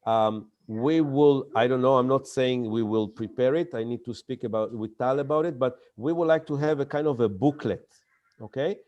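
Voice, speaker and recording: A man for whom English is not his gives an emphatic lecture on startup pitching, repeating key words and acting out examples. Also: normal speed, a little mellow, muffled recording.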